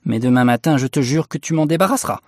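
Man doing a shrill middle-aged bargewoman, scolding, loud, high-pitched, storybook. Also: expressive, quick pace, no echo, clean studio sound, natural voice. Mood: gruff. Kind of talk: audiobook character voice.

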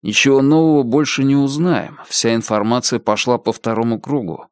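A man's voice: fairly even intonation, moderate pace, darkish tone, no room sound, studio quality, lightly acted. A man reading an audiobook, voicing the impatient inner thoughts of a sardonic police detective. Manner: brusque inner thoughts, low voice.

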